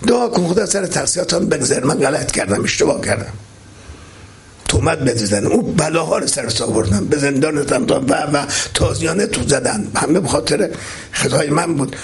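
Old blind beggar woman, repentant and pleading, gravelly tone, as a male preacher puts her on. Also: on the high side, lively intonation. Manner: pleading, contrite.

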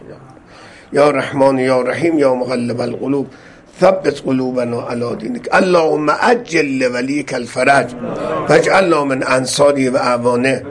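A male preacher with a gravelly, husky voice, giving a fervent, pleading sermon mixed with prayer that rises into loud cries. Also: mid-range voice. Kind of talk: religious sermon with supplication.

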